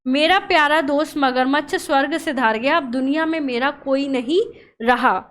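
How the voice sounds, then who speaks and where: A woman's voice: sits high, normal speed, fairly bright tone. A woman voicing a scheming male turtle, friendly with his crocodile friend, reading a storybook play aloud. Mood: fake grief. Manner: friendly, then scolding.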